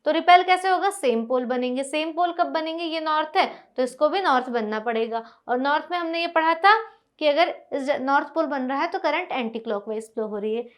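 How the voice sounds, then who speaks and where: High-voiced woman teaching science. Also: brisk. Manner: explains step by step, asks checking questions. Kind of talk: classroom lecture on a whiteboard.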